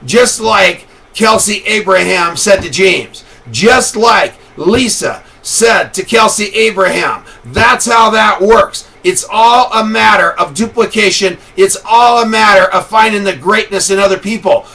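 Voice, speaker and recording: A man hosting a motivational call, giving a pep talk that slows for dramatic storytelling and often rises to shouting for emphasis. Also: sits high, gravelly, poor audio. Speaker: host of a daily motivational call.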